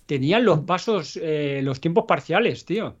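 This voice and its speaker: A man with a Spain Spanish accent co-hosting a casual podcast, talking eagerly in quick bursts. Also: on the high side, lively intonation. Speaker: podcast co-host. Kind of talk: casual chat. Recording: dull lo-fi sound.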